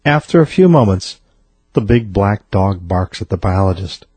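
A man reading a string of jokes aloud in a deadpan way. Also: lowish voice, normal speed, husky, no room sound. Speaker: joke teller.

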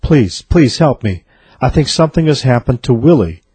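A man voicing a frantic old gentleman who stammers and begs for help in a joke. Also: lively intonation, normal speed, husky, no echo. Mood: pleading. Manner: stammering, high and urgent. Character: frantic pleading old gentleman, grieving his dog.

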